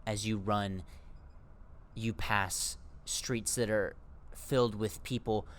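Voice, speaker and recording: A man's voice: fairly low pitch, steady tone, slow, a bit bright. Man narrating as game master. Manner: descriptive narration with frequent uh fillers.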